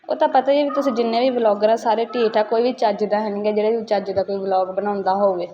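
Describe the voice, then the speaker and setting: A woman's voice: medium pitch, fairly even intonation, dark tone, lo-fi sound, a little hiss or hum. A woman, hosting a roast video and lecturing vloggers in a scolding way. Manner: scolding, lecturing, rapid-fire. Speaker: roast channel host.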